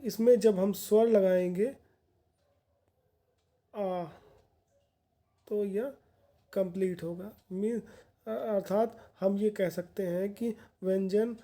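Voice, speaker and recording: Slow, deep-toned woman teaching grammar. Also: steady tone, mellow. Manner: patient, repeats and explains in plain words. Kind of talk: exam-prep Hindi grammar lesson.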